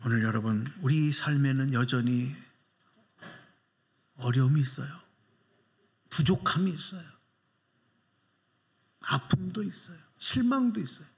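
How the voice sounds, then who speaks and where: A man preaching a sermon as pastor in a church, emphatic, pressing the congregation with rhetorical questions and swinging his pitch widely for emphasis. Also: expressive, measured pace, pauses often.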